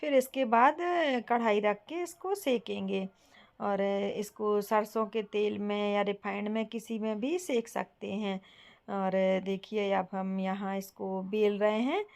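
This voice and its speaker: A young woman from Bundelkhand hosting her home cooking channel, calmly explaining each step to viewers. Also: mid-range voice, unhurried, gravelly. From Bundelkhand, India. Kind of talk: casual cooking tutorial.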